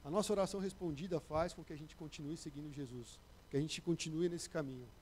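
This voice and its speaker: A man's voice: a little high, fast talker, darkish tone, slight background noise. A young man preaching a casual, conversational sermon into a microphone, slangy and acting out the voices he quotes.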